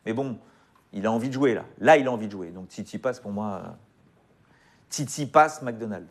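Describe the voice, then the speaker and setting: A man co-hosting a tennis betting stream, lively and jokey, breaking into excited outbursts. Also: lowish voice, moderate pace. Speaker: tennis commentator. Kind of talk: casual betting chat.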